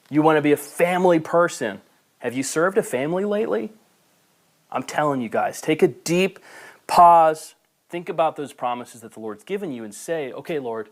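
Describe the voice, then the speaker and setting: A man preaching a sermon to a camera, impassioned, swinging between loud emphasis and soft, gentle asides. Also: on the high side. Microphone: camera mic.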